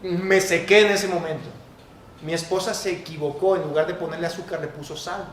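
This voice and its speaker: A man with a Mexican accent preaching a sermon as pastor, swinging between loud exhortation and hushed asides, often calling listeners brother. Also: high voice, fairly even intonation, fairly quick, roomy sound, slight background noise.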